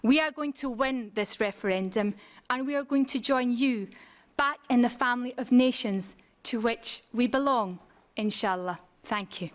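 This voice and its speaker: A woman's voice: a little high, moderate pace, a little hiss or hum. A woman from Scotland delivering an earnest, rhetorical prepared speech as a conference speaker. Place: conference room.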